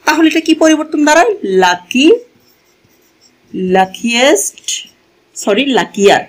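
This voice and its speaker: Slow, patient woman teaching grammar. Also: high-pitched, big pitch swings, rough recording. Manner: slow, repeats key words and asks the class questions; switches between languages mid-lesson. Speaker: English teacher. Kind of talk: classroom grammar lesson. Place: classroom with a board.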